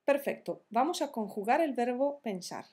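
A woman teaching verb conjugations in a slow, careful tutorial, spelling out each form deliberately. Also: fairly high pitch, animated, darkish tone, husky. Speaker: Spanish teacher.

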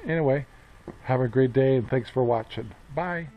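A man's voice: mid-range voice, normal speed, narrow, tinny audio, over music. A man in his sixties chatting casually as a homestead vlogger outdoors by a barn, rambling with lots of fillers and restarts. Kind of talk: casual chat to camera. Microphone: action camera at arm's length.

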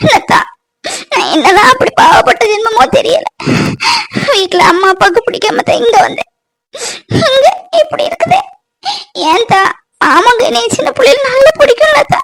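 A woman's voice: expressive, normal speed, creaky, fairly bright tone, full character voice, rough recording. A woman voicing a tearful young newlywed girl who cries and pleads in a cartoon family drama. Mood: sobbing, pleading. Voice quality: high, crying, sobbing.

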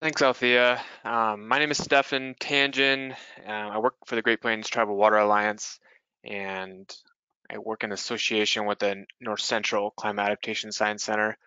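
A man from the US Pacific Northwest gives a webinar presentation, earnest and measured, with a few fillers and a level tone. His lowish voice sounds bright and crisp, though the dry, slightly dull audio with no echo resembles a video-call mic.

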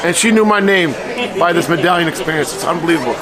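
A man's voice: a little high, fast, a loud crowd. A man chatting casually and effusively to a vlog camera with enthusiasm. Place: cruise ship and outdoor excursion. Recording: loud music over voice.

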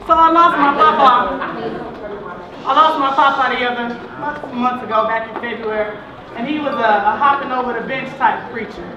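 A woman performing spoken word poetry on stage, rhythmic and rising to shouts. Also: sits high, fairly even intonation, brisk, muffled recording, crowd noise. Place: large hall. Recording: echoey hall from far off.

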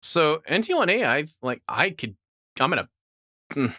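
A man's voice: fairly high pitch, big pitch swings, normal speed, bright, forceful tone, dry recording, clean studio sound. A man co-hosting a podcast, chatting casually and opinionated about audio gear. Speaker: podcast co-host.

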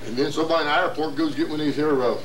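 A man's voice: a little high, fairly even intonation, very fast, a bit bright, reverberant. A middle-aged man with an Ocracoke brogue from North Carolina, telling a story casually and chuckling as he talks. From Ocracoke Island, North Carolina. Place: small general store, indoors. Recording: noisy, distant 1990s camcorder sound.

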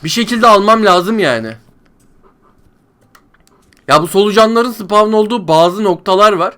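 A gaming YouTuber with a noticeably high-pitched, expressive voice gives let's play commentary at normal speed, chatty and frustrated. He complains to viewers as if they were friends and yells whenever the game turns against him.

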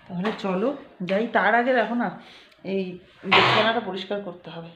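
A woman's voice: medium pitch, fairly quick, reverberant, very noisy. A woman chatting casually to viewers as she cooks at home in her kitchen. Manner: chatty, addresses viewers directly. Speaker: family vlogger. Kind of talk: casual cooking vlog.

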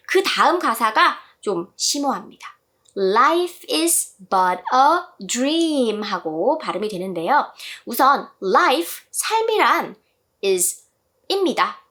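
A woman's voice: high voice, sharp tone. A woman in her thirties teaching parents an English nursery song, patiently showing how to shape each sound. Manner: clear, patient, demonstrating mouth shapes and sounds. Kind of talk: friendly pronunciation lesson.

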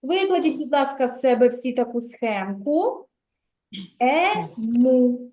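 A kindergarten teacher woman leading a literacy lesson, her voice high and her pace slow and deliberate. She is patient and encouraging and praises the little ones often. The sound carries the echo of a roomy classroom. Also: lively intonation, warm tone.

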